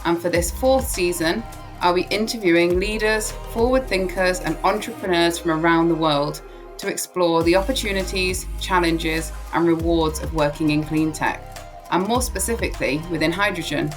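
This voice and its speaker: A woman's voice: fairly low pitch, normal speed, soft background music. A woman hosting a podcast interview, upbeat and chatty, reading a scripted intro. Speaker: podcast host.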